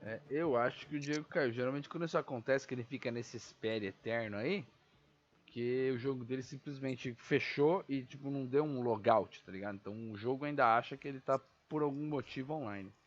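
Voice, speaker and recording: A man's voice: medium pitch, brisk, lo-fi sound. A Brazilian man on voice chat with a friend, easygoing and slangy, often tagging his sentences with questions. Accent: Brazilian Portuguese. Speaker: teammate on voice chat. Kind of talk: casual gaming chat.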